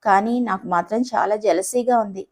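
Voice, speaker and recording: A woman's voice: medium pitch, normal speed, a little mellow, close to an everyday voice. A woman voicing a playful, teasing young husband in a romantic audio story, speaking affectionately.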